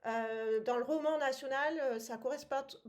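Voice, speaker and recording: A woman co-hosts a casual book podcast, her high voice moving at a moderate pace. The book-club chat is full of hesitations, and she laughs often.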